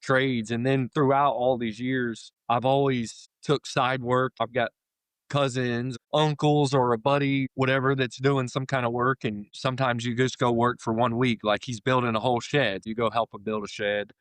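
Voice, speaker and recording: Clear-voiced, informal American man. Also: medium pitch, level tone, normal speed, no room sound. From Florida, United States. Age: 30s. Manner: rambling, informal, conversational. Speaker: interview guest, union carpenter. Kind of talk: casual interview chat.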